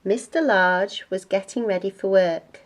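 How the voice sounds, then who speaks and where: A woman reading a children's bedtime storybook aloud in a deliberate, expressive way. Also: medium pitch.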